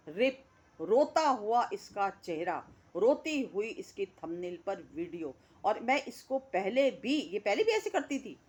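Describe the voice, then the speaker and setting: A woman's voice: fairly high pitch, slightly rough. A woman giving an indignant, scolding reaction commentary, repeating words for emphasis. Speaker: reaction vlogger.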